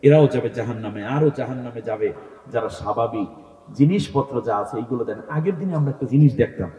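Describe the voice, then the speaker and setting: A man preaches an Islamic sermon to a large gathering. He swings between loud exhortation and low asides. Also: a little fast. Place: large open-air religious gathering. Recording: echoey hall sound from far off.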